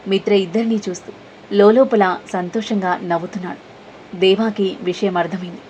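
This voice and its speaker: Female storyteller, steady scripted narration, mid pitch. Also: moderate pace, highs cut off, a little hiss or hum.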